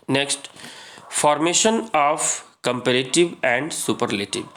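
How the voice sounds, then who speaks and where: A man teaching English grammar in a lesson, reading rules slowly and explaining them with many repetitions. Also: medium pitch, a bit bright. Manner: reads English rules slowly, then explains, repeating "ठीक है".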